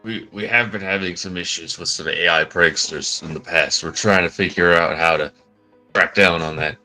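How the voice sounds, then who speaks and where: A man's voice: low-pitched, steady tone, moderate pace, pushed and bright, soft background music, rough recording. A man playing a male witness from a doctor's office in a courtroom role-play game, explaining things hesitantly. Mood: calm.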